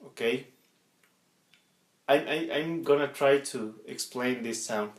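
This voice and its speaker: A man giving an instructional demonstration, explaining step by step in a halting way with repeated words. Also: mid-range voice, slight background noise. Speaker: instructor demonstrating body percussion sounds. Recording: echoey room.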